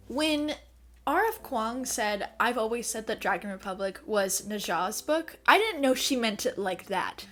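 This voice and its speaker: A young woman reviewing books in a casual vlog, expressive and dramatic, swinging between gushing and mock outrage. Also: fairly high pitch. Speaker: book vlogger. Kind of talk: casual book review monologue.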